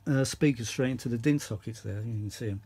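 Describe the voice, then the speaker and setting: Speaking quickly in a dark, mid-range voice with a slight roughness, a middle-aged man hosts a vintage audio video. The hands-on chat is casual and unscripted. He wanders, thinks aloud, and keeps repeating himself.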